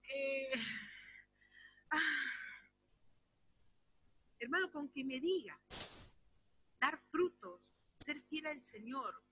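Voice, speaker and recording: High, bright-voiced woman pastor preaching. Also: low-quality recording. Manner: emotive, swinging from loud exclamations to hushed near-whispers; addresses the congregation directly and often. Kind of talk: sermon.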